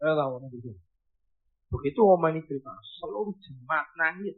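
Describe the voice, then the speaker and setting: A man preaching a sermon as pastor, telling a story with shouted bursts and hushed drops. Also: a little high, brisk. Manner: animated, shouting bursts then dropping to hushed. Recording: tinny phone-like sound.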